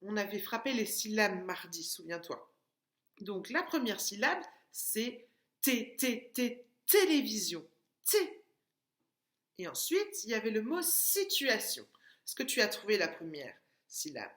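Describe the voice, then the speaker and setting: A woman's voice: mid-range voice, sing-song, moderate pace, a bit bright. A woman teaching a lesson to young children, speaking patiently and stretching out syllables as she taps them. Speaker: preschool teacher. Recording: echoey room.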